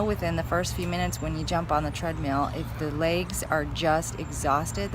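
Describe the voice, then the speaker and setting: A woman chatting casually to viewers as a fitness vlogger, thinking aloud in a hesitant, musing way. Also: lowish voice. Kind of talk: casual vlog chat to camera. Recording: clear vehicle and outdoor noise.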